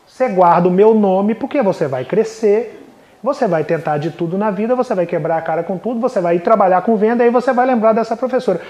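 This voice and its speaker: Man putting on a scornful schoolteacher, lecturing, condescending, brisk, in a retold story. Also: medium pitch, mellow, highs cut off, lightly acted. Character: stern dismissive schoolteacher woman.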